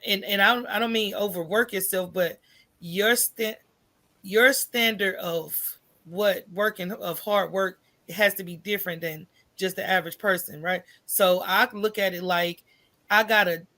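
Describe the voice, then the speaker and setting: An American woman with a mid-range voice talks at normal speed as a guest on a podcast. She tells stories in an animated, everyday manner, being candid and often asking "right?".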